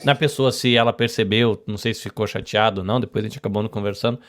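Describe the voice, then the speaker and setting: A man's voice: fairly low pitch, steady tone, rapid-fire. A man with a Brazilian accent hosting a podcast, telling stories in a rambling, self-correcting way. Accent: Brazilian Portuguese. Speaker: podcast host. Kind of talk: casual interview chat.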